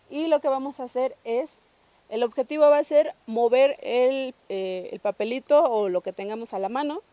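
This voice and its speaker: A woman's voice: fairly high pitch, mellow, no echo. A young woman from Mexico, patiently teaching a pronunciation lesson and repeating each sound several times. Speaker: language teacher.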